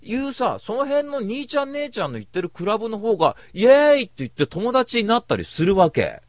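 Brief: man, casual talk host, rapid blunt rambling, dry close sound. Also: high-pitched, wildly swooping pitch, no echo. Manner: blunt, rambling, self-described cynic; slangy rough speech. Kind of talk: casual storytelling monologue.

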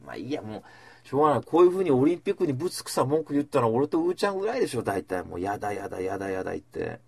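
A man's voice: fairly high pitch, big pitch swings, rapid-fire, gravelly, a little mellow, husky, no echo. A man hosting a casual chat, rambling through stories with asides and acted-out quotes.

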